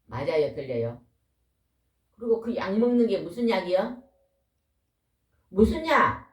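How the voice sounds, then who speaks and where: A woman preaching a lively, folksy sermon, a pastor's wife who keeps asking the congregation questions. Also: fairly low pitch, moderate pace. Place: church hall. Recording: echoey hall, voice from far off.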